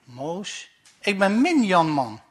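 A guileless, cheerful man answers questions with simple confidence, as a man puts him on. His voice sits high and his delivery is slow and easy. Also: very animated, exaggerated voice.

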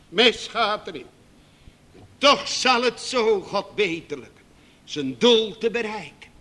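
A man preaching a sermon to his congregation, slow and emphatic, with dramatic repetitions. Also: high-pitched, bright, forceful tone.

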